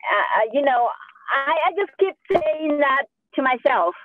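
A native Sichuanese speaker with a Sichuan Chinese accent, this woman works as a real estate agent and gives emphatic, self-affirming motivational advice on a group call. Her voice is high, with lively intonation and a slightly slow pace. The narrow-band video call audio has no room sound.

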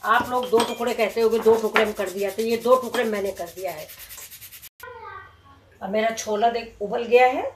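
A woman's voice: on the high side, moderate pace, pauses often. Woman, cooking host, chatty step-by-step explaining, home kitchen, pan noise in background. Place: home kitchen with tiled walls.

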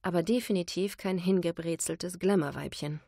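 A woman narrating a novel, her reading calm and measured at a middle pitch. The voice is dry and close, with no room sound around it. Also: no room sound. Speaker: audiobook narrator. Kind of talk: audiobook narration.

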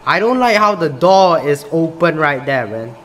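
An animated young man from Singapore, pitched a little high with a fairly bright tone, talks at a normal speed. As a gaming YouTuber, he plays a game on camera in a small room, reads out its questions and reacts casually, often calling things "bro."

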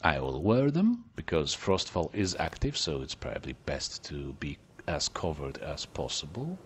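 A man's voice: a bass voice, big pitch swings, normal speed, slight background noise. A man casually commenting on his gameplay, chatty and playful, often dropping to a whisper. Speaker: let's play gamer.

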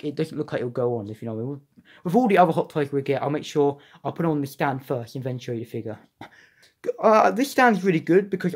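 Excitable young man reviewing toys. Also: on the high side. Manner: chatty, excitable, rambling with restarts. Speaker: toy reviewer. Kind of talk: casual unboxing vlog.

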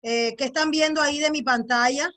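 A woman hosts an online workshop over a video call in a casual, friendly tone. Her voice sits high. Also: fairly even intonation, brisk, a bit bright. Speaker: host of a workshop.

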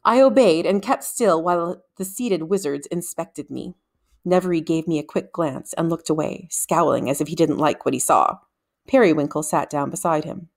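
In a small room at home, a low-pitched woman reads a children's novel aloud at normal speed into a desktop microphone in front of her. Her tone is darkish.

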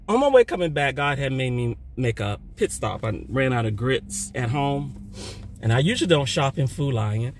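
A middle-aged man giving a casual spoken testimony, talking loudly and telling his story with energy. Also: medium pitch. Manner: loud, animated storytelling. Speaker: churchgoer sharing a testimony.

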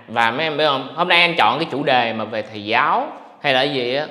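A man hosting a casual livestream podcast, talking in an animated, ranting way to his viewers. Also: medium pitch. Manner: animated, ranting, mocks others in put-on voices. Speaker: podcast host. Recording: echoey room with long reverb.

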